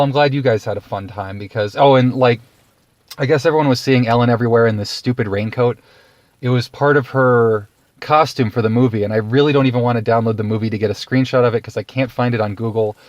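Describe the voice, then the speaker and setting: A man's voice: medium pitch, dry recording. A man rambling through a personal anecdote in a casual, wry way, often stopping to restart his sentences. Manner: rambling, self-interrupting, wry. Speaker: vlogger telling a personal story. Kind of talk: casual storytelling to camera.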